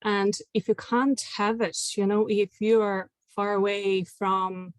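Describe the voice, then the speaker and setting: A woman's voice: medium pitch, little pitch movement, slow pace, clean tone, no room sound. Woman advocate on a webinar panel, hesitant with lots of fillers, dry close sound. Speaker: health advocacy worker, panelist.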